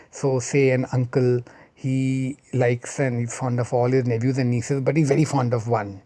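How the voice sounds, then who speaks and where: Man, mellow timbre, relaxed explainer delivering a casual talk with asides. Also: mid-range voice. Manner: unhurried, chatty, with personal asides. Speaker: language explainer.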